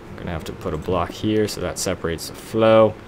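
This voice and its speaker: A man's voice: sits low, a little fast, darkish tone, slight background noise. A young man casually narrating a block-building game, rambling and poking fun at himself while he works things out. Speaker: let's play gamer. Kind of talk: casual gameplay commentary.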